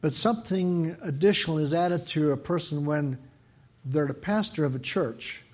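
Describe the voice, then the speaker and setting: Preaching as a guest in a church sanctuary, an older man talks quickly into the mic, his sentences broken by frequent fillers and fresh starts. His soft, slightly high voice keeps a warm, gentle and personal feel.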